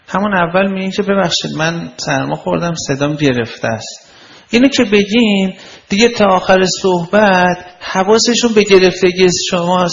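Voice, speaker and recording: A man's voice: high voice, dull audio. A man lecturing on communication skills in a conversational, explanatory way, with anecdotes.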